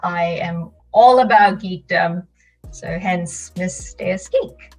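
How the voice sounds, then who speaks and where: A young Malaysian woman, a podcast guest in a casual storytelling interview, tells her stories in a lively, easy manner and laughs often. Her voice is on the low side and slow, she sounds a little distant from the mic, and soft music plays beneath her.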